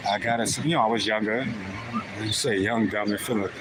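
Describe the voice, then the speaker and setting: Low-voiced man from the Bronx. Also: fairly even intonation, brisk. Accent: New York. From the Bronx, New York. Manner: loose and chatty, reads viewer comments aloud, chuckles often. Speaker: livestreamer. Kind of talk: casual live street vlog chat. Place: outdoors on a hot city street. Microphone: phone camera. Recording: outdoor street noise.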